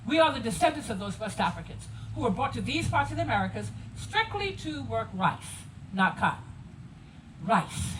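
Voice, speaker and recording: A woman with a Gullah Geechee Low Country accent giving an animated, rhythmic heritage presentation to visitors, leading call-and-response. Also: distant mic, slight background noise, low-quality recording. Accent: Gullah Geechee, South Carolina Low Country. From coastal South Carolina. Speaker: cultural presenter.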